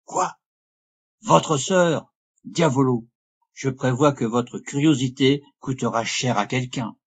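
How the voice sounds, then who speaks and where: A man reading an audiobook, voicing a worldly young count with sharp exclamations in a husky voice. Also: mid-range voice, slow pace. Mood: urgent. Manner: urgent, exclamatory.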